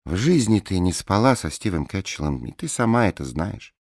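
A man doing a soft-voiced big woman. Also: deep voice, big pitch swings, moderate pace, no echo, studio quality, voice pushed up, heavily acted. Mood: insistent. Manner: soft and sing-song. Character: large warm woman with a soft, melodious voice. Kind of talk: audiobook character reading.

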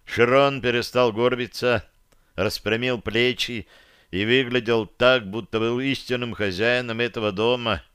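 A man narrates a first-person audiobook in an even, measured way. His mid-pitched voice is smooth and resonant. The recording is dry and close. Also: dry recording.

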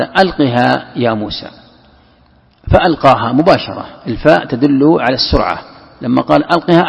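Gravelly man teaching scripture. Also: mid-range voice. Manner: explains by posing questions and answering them, repeats phrases. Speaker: religious teacher. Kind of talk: lecture on scripture commentary. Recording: echoey hall, dull lo-fi sound.

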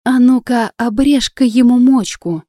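A woman's voice: on the high side, measured pace, dark tone, dry recording, clean studio sound, pitched above the performer's own voice. A woman reading the part of a cruel reptilian male gang leader who snarls and hisses threats in an audiobook. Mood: menacing.

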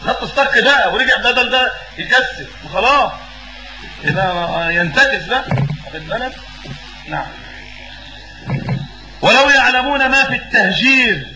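Egyptian male preacher, high and rapid, answers his own questions and repeats words, echoey room. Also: bright, forceful tone, slight background noise. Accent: Egyptian Arabic. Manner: asks questions and fills in the answer himself. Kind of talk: religious lesson.

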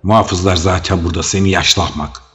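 A man voicing a gruff male commander of palace soldiers who gives blunt, barking orders. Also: a bass voice, normal speed. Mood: scolding. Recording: dull audio with faint music.

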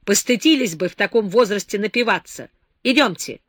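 A woman's voice: medium pitch, expressive, fairly quick, a bit bright, no room sound. A woman voicing an exasperated, curt grown man in an audiobook. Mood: irritated. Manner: grumbling, curt. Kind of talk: audiobook character reading.

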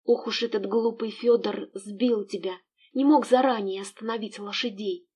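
A woman reading the part of a caring young gentlewoman who fusses and scolds her coachman. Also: medium pitch, fairly even intonation, normal speed, slightly rough, natural voice. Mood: tender. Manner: emotional, bossy toward servant.

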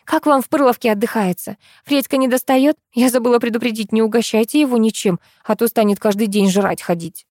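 A woman reading an audiobook, voicing a cheerful, chatty young woman friend in a higher, brighter voice. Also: a little fast, no room sound, studio quality, natural voice. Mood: breezy.

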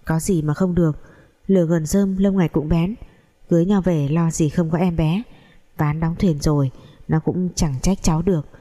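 A woman's voice: deep voice, fairly even intonation, moderate pace, warm tone, close to an everyday voice. A woman voicing a scheming middle-aged mother who persuades a girl in a commanding tone.

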